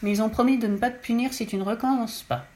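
A woman voicing a gentle male doctor who speaks in a soothing, reassuring way. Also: a little high, fairly even intonation, quick pace, pitched above the performer's own voice, natural voice. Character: calm, kindly family doctor, man.

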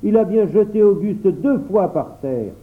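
A man's voice: high voice, expressive, measured pace, voice pushed up. A cautious boy, doubtful and worried, played by a man reading a storybook. His voice is lifted well above the reader's own. Everything sounds tinny, as through a phone. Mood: wary. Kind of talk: storybook narration.

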